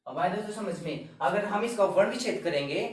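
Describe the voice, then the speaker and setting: A man teaching a grammar lesson, explaining step by step and repeating each word slowly. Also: high voice, lively intonation. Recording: very echoey room, voice a bit far from the mic.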